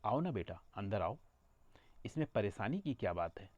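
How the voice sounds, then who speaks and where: A man voicing a motherly middle-aged woman neighbor who is affectionate and quick to scold. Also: lowish voice, sing-song, a little mellow, no echo, highs cut off.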